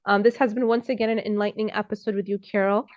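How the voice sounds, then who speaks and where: A woman co-hosting a podcast, delivering a warm, grateful closing sign-off. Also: mid-range voice, flat delivery, fast talker, a little hiss or hum. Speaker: podcast co-host. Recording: muffled with faint music.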